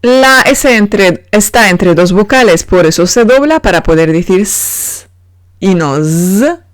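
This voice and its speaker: A woman's voice: mid-range voice, expressive, unhurried, no echo, clean studio sound. A woman giving a beginner pronunciation lesson, patiently spelling out letters and sounds. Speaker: French teacher.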